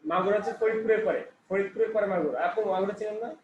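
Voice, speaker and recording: A man's voice: high-pitched, racing, a little mellow, highs cut off. A man teaching a computer class, explaining step by step and checking often that his student follows along. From Bangladesh. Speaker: computer trainer. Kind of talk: classroom instruction. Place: training center classroom. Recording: echoey room with faint background noise.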